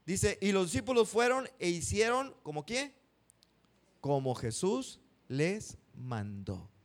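A man preaching a sermon, asking his congregation questions and reading verses slowly. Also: on the high side.

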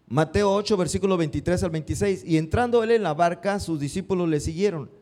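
A man delivers a sermon at a quick pace, his voice sitting high. He keeps pausing to pose questions to the congregation, lifting his emphasis in a lively, rising way.

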